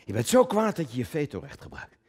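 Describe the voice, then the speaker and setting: A man performing a theatrical stage monologue, swinging from booming declamation to low muttered asides, often stammering and repeating words. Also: wildly swooping pitch, quick pace, darkish tone, breathy edge. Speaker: cabaret performer.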